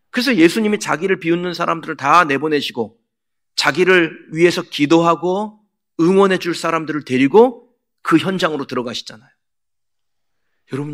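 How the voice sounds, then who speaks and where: A male pastor preaching a sermon in a church, asking the congregation questions and acting out quotes. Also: fairly high pitch. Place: church sanctuary.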